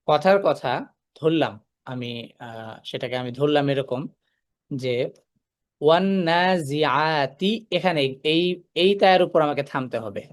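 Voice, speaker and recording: Bangla-speaking man teaching Quran recitation, slightly high voice. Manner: explains step by step with questions and worked examples; slows down to recite example verses. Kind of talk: recorded recitation lesson.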